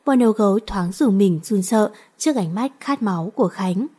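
Woman reading a novel aloud, mellow and a bit husky, steady pace. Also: mid-range voice, normal speed. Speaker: narrator. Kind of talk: audiobook reading of a romance novel.

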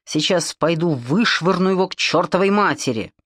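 A woman's voice: lowish voice, lively intonation, normal speed, a bit bright, no echo, studio quality. A woman voicing a haughty, disdainful man, a husband, in an audiobook. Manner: disdainful, firm. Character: haughty irritated husband, Vadim.

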